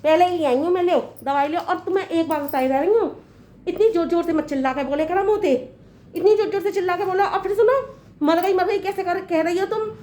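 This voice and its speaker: A woman's voice: very high-pitched, fairly quick, dark tone. A woman playing a patient young daughter-in-law who reasons at length in an earnest, lecturing way, in a comedy sketch. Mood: explaining.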